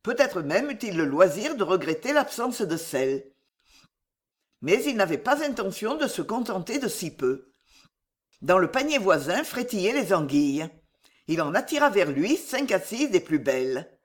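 A storyteller reading a medieval fox fable aloud in a steady, expressive way. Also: medium pitch, a little slow.

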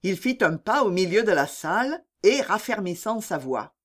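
An audiobook narrator reading a classic novel in a measured storytelling manner. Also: medium pitch, very animated, fairly bright tone.

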